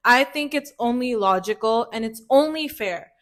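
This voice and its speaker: A young woman co-hosting a podcast in casual chat, blunt and quick to swear and mimic people. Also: fairly high pitch, fairly bright tone. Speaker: podcast co-host.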